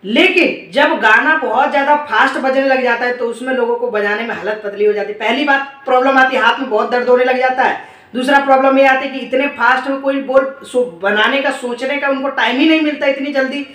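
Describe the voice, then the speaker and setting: A man teaching dholak in an instructional video, encouraging his viewers as friends and reciting drum syllables in quick rhythmic bursts. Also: very high voice, bright, forceful tone, roomy sound, distant mic. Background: dholak drumming.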